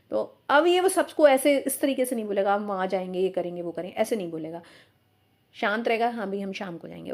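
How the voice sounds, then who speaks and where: A woman teacher with a fairly high voice explains a lesson step by step. She asks and answers her own questions, mixing terms into her talk. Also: darkish tone. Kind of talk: exam-prep lecture.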